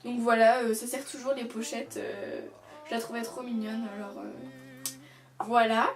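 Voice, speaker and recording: A woman's voice: fairly high pitch, level tone, moderate pace. Chatty young French woman, slightly distant. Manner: rambling, many fillers and restarts. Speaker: beauty vlogger. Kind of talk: casual haul video chat. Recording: distant from the mic, music behind. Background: music.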